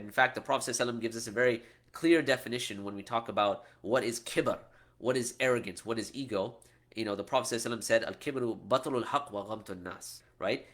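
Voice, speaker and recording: Answering questions casually, a middle-aged Islamic teacher from the United States speaks in a medium-pitched voice that sounds pushed and bright. His style is conversational, full of restarts and tag questions, often ending a point with "right?".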